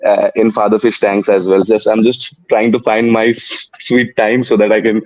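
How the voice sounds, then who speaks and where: A man calls into a live stream over video and chats casually, hesitating, restarting sentences and laughing nervously. His voice is on the low side and a little mellow, with a flat delivery at a moderate pace. The video-call audio sounds dull and lo-fi.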